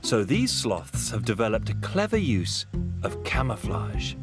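Man narrating a nature documentary, lively intonation. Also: fairly low pitch, a little slow. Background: music.

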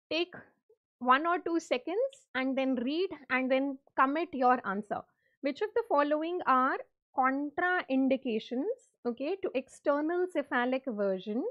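Female lecturer, North Indian accent, high voice, instructive and repetitive as she leads a live quiz; muffled lo-fi recording. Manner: instructive, repeats points, checks in with students. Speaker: medical exam teacher hosting a live quiz. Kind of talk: interactive online lecture mixing English and Hindi.

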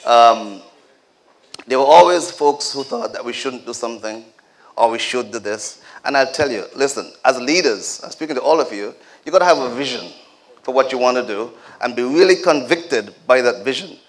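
A man's voice: medium pitch, animated, moderate pace. A man addressing a community celebration as a former leader of the group. He speaks straight to the audience with humorous asides. His exhortations fall into a preacher-like cadence. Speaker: community leader giving a speech.

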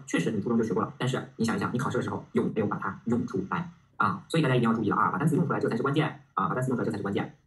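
A man's voice: medium pitch, fairly bright tone, poor audio. A man reviewing English vocabulary in a recorded lesson, chatty and often checking in with his students.

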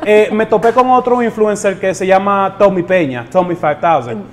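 A man's voice: high-pitched, normal speed. A man with a Dominican accent, born in the United States, talking easily in an interview and often repeating words. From born in the United States to Dominican parents. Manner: easygoing, repeats words, mixes in English phrases. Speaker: guest. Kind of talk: casual interview talk.

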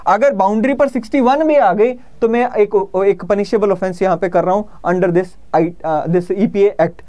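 This man's voice sits high, with a dark tone and an unhurried pace. In his thirties and Indian-accented, he teaches like an exam-prep instructor, blending Hindi and English in a conversational, explanatory lecture, rephrasing often, in a studio before a presentation screen.

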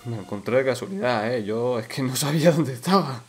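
A man with a Canary Islands Spanish accent giving casual, excitable commentary while playing a horror game, swearing and shouting at the enemies. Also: medium pitch, brisk, a little hiss or hum. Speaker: let's play gamer.

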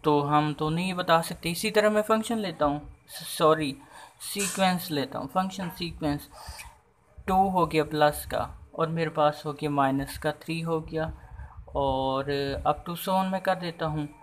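A man explains a math lesson at a deliberately unhurried pace, working through each step out loud. He keeps posing rhetorical questions to his listeners as he goes. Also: fairly high pitch, a little hiss or hum. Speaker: math teacher.

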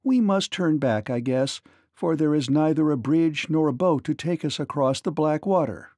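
A man reading a children's story aloud and voicing a brave, cheerful little girl in a slightly higher, earnest voice. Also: moderate pace, a little mellow, no echo, studio quality, close to an everyday voice. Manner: plucky, earnest.

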